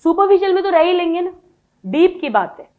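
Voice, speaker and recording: A woman teaching biology in a classroom-style lecture, asking questions, answering them herself and slowly dictating notes in English. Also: very high-pitched, big pitch swings, phone-quality sound.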